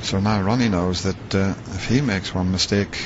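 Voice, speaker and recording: A man giving measured, understated live commentary on a snooker match. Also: low-pitched, fairly even intonation. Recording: dull, noisy TV broadcast audio.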